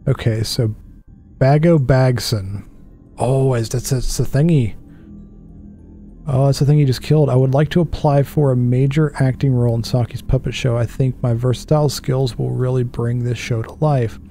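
A gaming channel host in his thirties sits at a desk in a small dark room, talking through a horror game on a headset and desk mic, joking and chatting to himself. He mocks his own mistakes in a dark, steady tone at a moderate pace, his pitch jumping up when something startles him. Soft music plays in the background.

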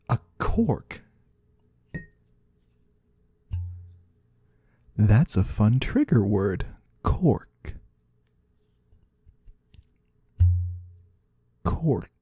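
In an ASMR roleplay, a man plays a curious otherworldly trader of the shadowy void, musing in quaintly formal words and savoring single ones close to a dry microphone. His low, mellow voice is breathy-edged, without echo, and heavily acted. He speaks softly and slowly to the listener, sounding delighted.

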